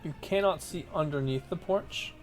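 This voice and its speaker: A man's voice: fairly high pitch, normal speed. Man game-mastering over faint music. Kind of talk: narrating a tabletop role-playing game.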